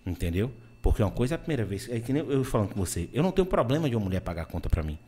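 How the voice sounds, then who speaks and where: A man with a Brazilian Portuguese accent in casual opinion chat, emphatic and animated, often restarting his sentences. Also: on the low side, very fast, breathy edge.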